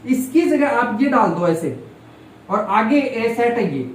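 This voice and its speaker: A man's voice: extremely high pitch, expressive, slow pace. A man teaching a maths class, constantly quizzing students and repeating key terms for them to echo back. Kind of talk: classroom lesson with call-and-response questions. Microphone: distant room mic. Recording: echoey room, voice from far off, faint noise.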